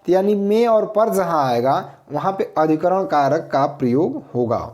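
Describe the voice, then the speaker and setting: A man's voice: on the high side, lively intonation, moderate pace, a little mellow. A man teaching a grammar lesson for exam students, explaining step by step and asking and answering his own questions.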